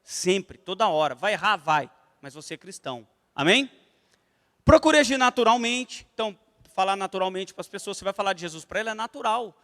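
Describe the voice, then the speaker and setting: A man's voice: sits high, fairly quick, in a large hall. A Brazilian man teaching an evangelism class at church, telling stories and speaking straight to the class. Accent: Brazilian Portuguese. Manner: lively storytelling that addresses the class directly. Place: church hall.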